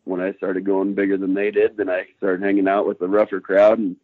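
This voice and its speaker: A young man, a snowmobile rider, speaks earnestly as a podcast guest in a low, flat voice. His audio comes over a thin, phone-like line that sounds dry and close. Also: fairly quick, dry recording. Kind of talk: casual podcast interview.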